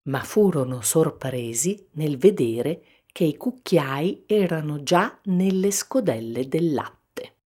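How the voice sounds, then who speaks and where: Slow, expressive woman storyteller. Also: low voice. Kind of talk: children's storybook narration.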